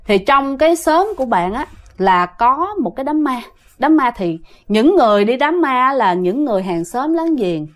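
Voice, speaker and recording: A woman with a Southern Vietnamese accent telling a ghost story, animated and often speaking directly to her listeners. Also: sits high, moderate pace.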